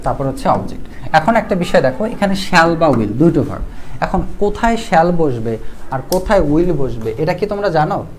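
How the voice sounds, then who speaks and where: A man's voice: fairly high pitch, sing-song, fairly quick, slight background noise. A man with a Bangladeshi Bengali accent, teaching English grammar in a live online class. He asks the class questions, answers them himself, reads out viewer comments and repeats key rules.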